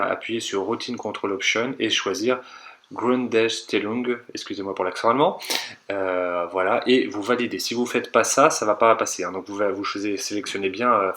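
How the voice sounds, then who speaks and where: A man calmly walking viewers through a technical car procedure step by step, repeating instructions and hedging his own interpretation. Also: on the low side, brisk. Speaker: car tech tutorial maker. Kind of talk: step-by-step voice-over tutorial.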